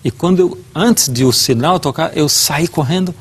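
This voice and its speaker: A man's voice: fairly high pitch, moderate pace, husky. A middle-aged man, a guest preacher, giving a devotional talk and telling a personal story earnestly, acting out the dialogue.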